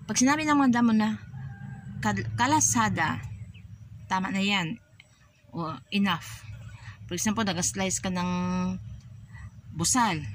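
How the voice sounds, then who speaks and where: A woman's voice: mid-range voice, slight background noise. A woman with a Filipino accent giving a casual spoken language lesson, patiently repeating each word and giving everyday examples. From Philippines. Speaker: language teacher for overseas workers.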